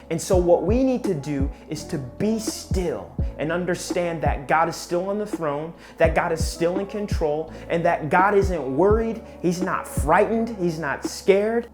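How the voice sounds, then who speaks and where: A young man, a youth pastor, giving a casual, animated sermon to students with slang and self-deprecating asides. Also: fairly high pitch.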